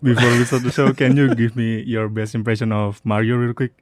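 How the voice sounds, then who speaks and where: A man's voice: medium pitch, little pitch movement, brisk, dry recording, clean studio sound. A young man from Indonesia in his twenties, a guest on a casual podcast. He is laid-back and teasing and laughs a lot.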